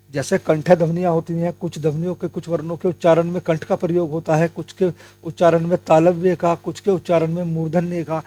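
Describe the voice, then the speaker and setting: This exam-prep grammar lesson comes from a young Hindi teacher whose fairly high voice has a mellow quality. Treating his viewers like friends, he breaks things down step by step and answers the questions he raises himself.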